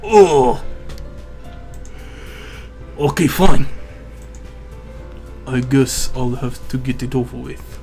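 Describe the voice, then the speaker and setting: A man's voice: medium pitch, very slow, creaky, long pauses, warm tone, faint music behind. A man co-playing a game, chatting casually with laughter. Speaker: co-player. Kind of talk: casual let's play chat.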